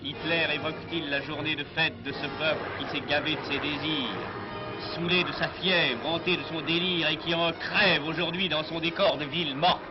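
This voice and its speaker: A man's voice: fairly high pitch, fairly even intonation, normal speed. A man narrating an old 1940s newsreel from a script in a solemn, declamatory, rhetorical manner. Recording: dull 1940s newsreel soundtrack, loud music. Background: loud music.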